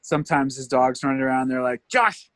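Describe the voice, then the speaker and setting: A man's voice: mid-range voice, normal speed, fairly bright tone, dry recording. A man from Canada, a tour guide, telling rambling stories in a casual interview, laughing often and leaning on fillers.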